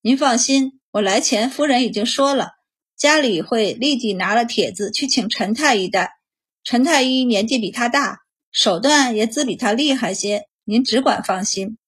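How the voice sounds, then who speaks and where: A woman voicing an elderly servant woman of a noble household who persuades in a low voice, in a storybook reading. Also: moderate pace, husky. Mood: hushed coaxing.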